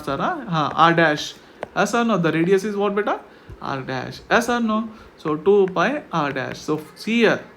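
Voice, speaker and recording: Male maths tutor, Indian accent, high voice, explains step by step with constant check-in questions; faint noise behind. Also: a bit bright. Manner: repetitive checking questions with tag words. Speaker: maths teacher.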